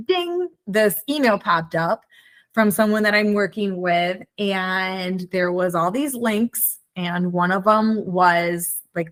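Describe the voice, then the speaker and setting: A woman's voice: mid-range voice, a bit bright. Reflective woman in her forties. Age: 40s. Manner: reflective, acts out her own inner voice. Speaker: podcast host. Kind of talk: casual chat.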